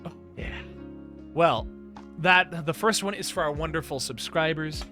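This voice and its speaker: A man's voice: a little high, measured pace, pushed and bright, faint music behind. A man hosting a livestream, chatting casually in a rambling, self-interrupting way. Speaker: stream show host.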